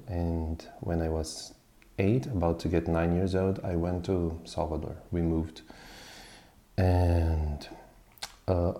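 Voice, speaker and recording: A man speaks slowly and thoughtfully, pausing often as he recalls his story. His voice sits very low and mellow. The recording has a noticeable roomy echo. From Brazil. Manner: unhurried, thoughtful, pauses with fillers. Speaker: musician guest. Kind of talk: interview answers, reflective storytelling.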